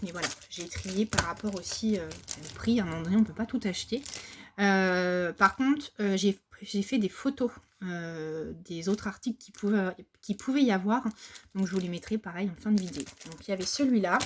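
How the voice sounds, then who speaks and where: A woman's voice: medium pitch, moderate pace, slight background noise. A woman from France chatting casually in a crafting haul, hesitant and full of fillers and restarts. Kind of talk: casual chat.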